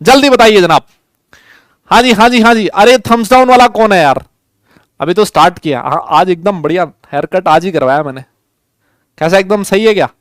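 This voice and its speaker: Young male chemistry tutor, high and smooth voice, jokey live-class banter, dry close mic. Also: a little fast, long pauses, dry recording. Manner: chatty, jokey, calls students beta. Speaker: chemistry teacher. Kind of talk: live online class with chat and polls.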